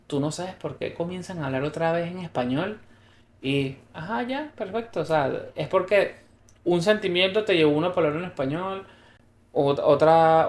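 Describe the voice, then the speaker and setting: A Venezuelan man co-hosting a podcast, chatting casually and acting out the dialogue in his stories. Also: fairly high pitch. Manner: lively storyteller who acts out quoted dialogue. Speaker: podcast co-host. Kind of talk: casual chat. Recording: roomy echo.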